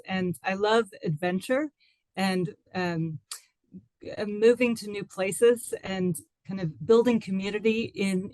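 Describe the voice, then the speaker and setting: This is a woman in her forties from the United States, giving a relaxed, reflective interview. Her voice sits in a middle pitch and is recorded close and dry. She often pauses with fillers and restarts her phrases as she thinks. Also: dry recording, poor audio. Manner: thoughtful, many restarts and fillers. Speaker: guest. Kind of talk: casual interview talk.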